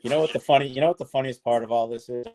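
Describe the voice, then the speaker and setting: A man's voice: medium pitch, fairly even intonation, racing, darkish tone. A man chatting casually over an internet call that breaks up and drops out, rambling and repeating words as he starts each thought. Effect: internet call breaking up and dropping out. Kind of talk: casual chat.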